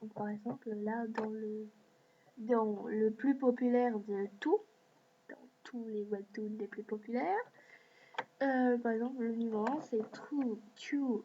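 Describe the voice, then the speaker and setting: A woman's voice: on the high side, steady tone, a little slow. A woman hosting a screen-recorded app walkthrough, talking in a hesitant way with many fillers. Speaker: video host. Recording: dull lo-fi mic with faint hiss.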